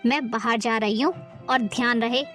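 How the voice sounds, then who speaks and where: A woman's voice: fairly high pitch, fairly even intonation, moderate pace, fairly bright tone, faint music behind, close to an everyday voice. A woman playing a harsh, domineering sister-in-law who barks orders and scolds. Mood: bossy. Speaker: performer in a family skit. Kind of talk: amateur family drama acting.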